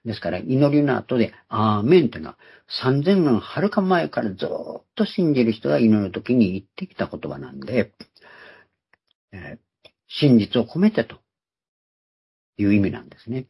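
Husky-voiced man preaching, lively pitch. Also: normal speed. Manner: explains term by term, repeating key words for emphasis. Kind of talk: Bible teaching sermon. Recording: dull lo-fi recording.

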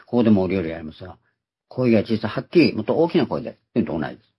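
A man's voice: on the low side, sing-song, racing, slightly rough. A man giving a Bible teaching sermon, explaining terms one by one and repeating key words for emphasis. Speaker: preacher. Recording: dull lo-fi recording.

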